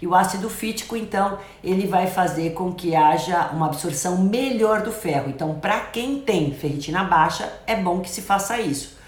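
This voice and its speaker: A woman's voice: on the low side, normal speed, hardly any pauses. A middle-aged woman doctor, casually answering viewer comments on a live stream. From Brazil. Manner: chatty, reads comments aloud and gives friendly advice. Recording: roomy echo.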